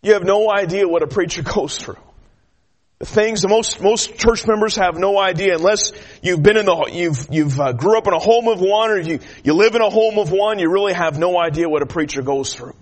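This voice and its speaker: A man's voice: sits high, fairly quick. A man preaching a sermon as a traveling preacher, earnest, restarting often and building to emphatic declarations. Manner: shy by nature.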